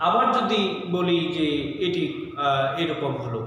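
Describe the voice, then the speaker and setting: A male teacher giving a slow lecture on spelling rules, repeating key words as he explains. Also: fairly high pitch, animated, sharp tone, a little hiss or hum. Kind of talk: classroom lecture. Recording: very echoey room with long reverb.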